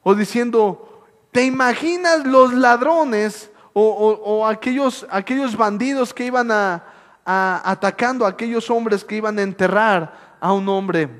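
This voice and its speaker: A man preaching a sermon in a church, swinging from soft, quiet asides to excited shouts. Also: sits high. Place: church hall. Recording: echoey church hall with long reverb.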